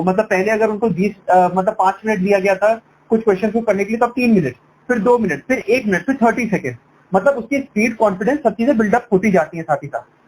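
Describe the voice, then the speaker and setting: A high-pitched man, an education sales counselor, makes a persuasive, explanatory sales pitch while switching between Hindi and English. He keeps adding "right?" tag questions. The sales call recording is noisy.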